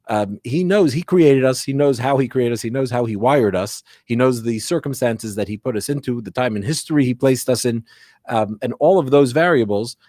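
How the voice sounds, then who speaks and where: Male rabbi, conversational teacher, reflective and questioning, medium pitch, very little room sound. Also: warm tone, no echo, clean studio sound. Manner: reflective, often posing questions to himself and checking with "right?". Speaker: rabbi giving religious guidance. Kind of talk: explanatory religious teaching in conversation.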